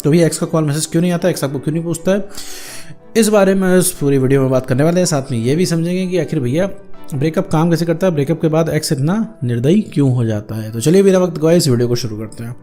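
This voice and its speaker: A man talks straight to the viewer about breakups, quick and a bit high. His tone is mellow and informal, and he repeats points for emphasis. Soft music plays under his voice. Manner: informal, addresses viewer as "bhaiya" and "my friend"; repetitive, emphatic phrasing. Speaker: relationship advice host. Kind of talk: direct-address advice talk.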